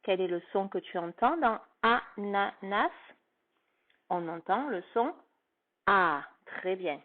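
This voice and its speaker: A woman's voice: medium pitch, animated, slow. A woman teacher giving a phonics lesson to a young child, with patient, carefully articulated speech. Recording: tinny phone-like sound.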